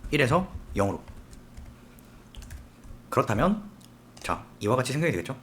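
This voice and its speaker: Male instructor, screen-recorded tutorial, step-by-step explanations, questions to the viewer, animated intonation. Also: medium pitch, moderate pace, a little hiss or hum. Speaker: software instructor.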